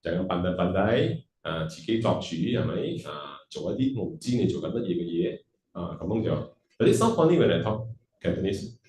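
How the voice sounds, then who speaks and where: In an event hall, a man with a low, sing-song, brisk, darkish voice hosts a live question-and-answer session, chatting, joking, and switching between languages. The sound is roomy and recorded from a distance.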